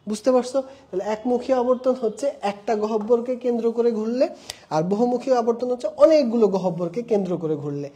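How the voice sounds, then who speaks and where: A young male tutor with a soft, mellow tone lectures an online exam-prep class. He explains with memory tricks and little stories. He keeps repeating the key terms and quizzing his students so the answers stick. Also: very high voice, a little fast. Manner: explains with mnemonics and personal anecdotes.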